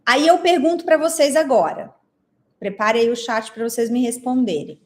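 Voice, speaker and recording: An instructor with a Brazilian Portuguese accent teaches an online class, her voice a little high and her speed normal. She's expressive, peppering her audience with questions and reading their chat replies aloud.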